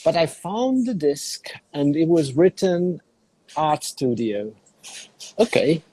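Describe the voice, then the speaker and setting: This middle-aged Hungarian man, a digital artist appearing as an interview guest, chats casually on a call from a cafe in a small town. His dark, mellow voice sits a little high and is expressive and slightly rough, and he speaks unhurriedly, searching for words in a second language. The recording is dry and of poor quality.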